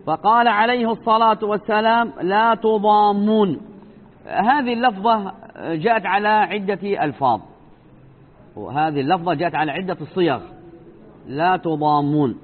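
A man teaching a religious lesson, explaining slowly, repeating and stretching key words and asking rhetorical questions. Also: high-pitched. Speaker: sheikh teaching Islamic creed. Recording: tinny phone-like lecture recording.

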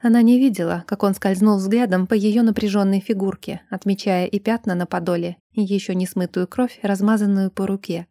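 A woman narrating an audiobook in an even, measured storytelling manner. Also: mid-range voice, no echo, clean studio sound. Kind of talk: scripted narration of a romance fantasy novel.

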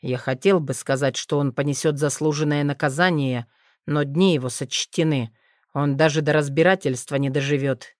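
A woman voicing a brooding, remorseful male dragon in an audiobook, speaking low and measured. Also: fairly even intonation, a little mellow, no room sound, clean studio sound, close to an everyday voice. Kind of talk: audiobook character reading.

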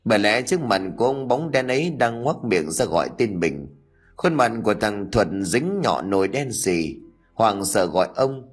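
A man narrating a scripted ghost story in a steady storytelling manner. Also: lowish voice, husky.

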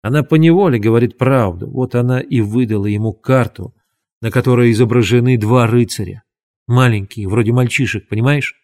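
Man doing an urgent, hushed boy. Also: medium pitch, a little fast, lightly acted. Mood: explaining. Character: earnest brave imaginative boy, Douglas.

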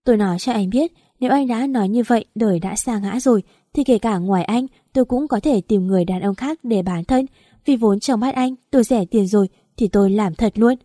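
A woman's voice: medium pitch, brisk, dark tone, dry recording, clean studio sound, natural voice. Woman voicing a hurt, defiant young mistress. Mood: wounded. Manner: pleading, defiant.

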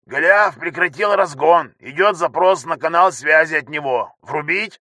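A man voicing a frantic young male ship technician who shouts rapid reports over the intercom, in an audiobook reading. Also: a little high, dry recording, studio quality, voice pushed up. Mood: shouting urgently.

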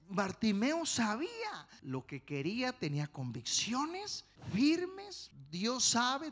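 Animated bright-voiced preacher man. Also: high voice, creaky. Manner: impassioned preaching with sudden loud outbursts. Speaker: pastor. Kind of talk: sermon.

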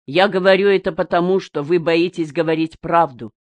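Blind village elder, read by a woman: blunt, steady, stubborn, dry close sound. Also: lowish voice, moderate pace, no room sound, natural voice. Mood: defiant. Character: blind old village man, calm and stubborn. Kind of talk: audiobook character reading.

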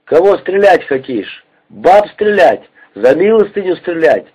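A man's voice: sits high, sing-song, unhurried, a little mellow, breathy edge, pitched above the performer's own voice, exaggerated voice. A man doing a furious one-legged old soldier. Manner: cursing, threatening. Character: angry one-legged male war veteran on crutches. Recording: dull lo-fi recording.

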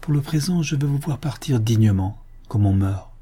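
A man's voice: medium pitch, lively intonation, moderate pace, warm tone, breathy edge, pitched above the performer's own voice. A man reading the part of an aging priest, tired and compassionate, speaking with earnest sorrow. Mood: grave counsel. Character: weary compassionate aging male priest, grave and fervent.

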